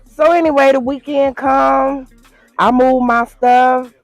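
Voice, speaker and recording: A woman's voice: high-pitched, steady tone, slow pace, no echo, soft background music. A woman telling a personal story to her viewers in a casual, chatty way, calling them girl and y'all. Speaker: storytime vlogger.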